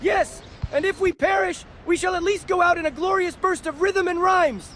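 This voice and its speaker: Whimsical fantasy-comedy mystic, extremely high voice, theatrical and grandiose, faint noise behind. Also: male voice, moderate pace, a bit bright. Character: whimsical, grandiose eccentric mystic who reveres spirits and prophecy. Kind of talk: scripted fantasy comedy dialogue.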